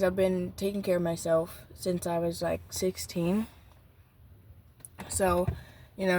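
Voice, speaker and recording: A nineteen-year-old woman vlogging an unplanned journaling session outdoors beside a busy street, rambling and reflective, with halting restarts. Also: on the low side.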